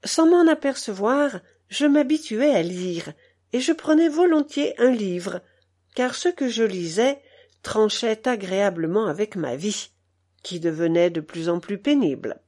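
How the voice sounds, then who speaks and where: Slow, expressive woman reading a novel. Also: medium pitch. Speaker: audiobook narrator. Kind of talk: scripted literary narration.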